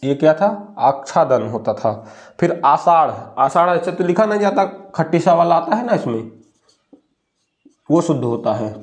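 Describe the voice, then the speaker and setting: A young man teaching a Hindi spelling lesson, who asks a question and then answers it himself, drawing words out slowly to stress them. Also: a little high, lively intonation.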